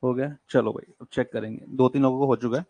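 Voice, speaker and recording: A young man teaching an exam-prep class, working through puzzles by counting digits aloud, briskly urging students on. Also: medium pitch, fairly even intonation, darkish tone, dry recording. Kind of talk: live classroom lecture.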